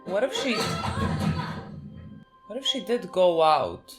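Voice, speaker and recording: A woman hosting a TV reaction video, talking casually and working through her thoughts out loud. Her speech is animated and full of "like", with faint music in the background. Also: on the low side, slow pace. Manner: animated, thinking aloud, frequent "like".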